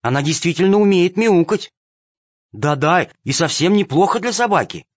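A man voicing squeaky, mocking little male kittens who think they are dogs, in a storybook reading on a dull, dry recording. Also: animated, normal speed, no room sound.

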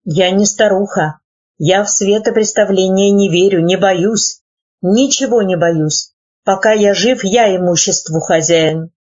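Sick old rich uncle voiced by a woman reader, gruff, firm, husky, muffled lo-fi sound. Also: mid-range voice, measured pace, darkish tone. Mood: angry. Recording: dull lo-fi recording.

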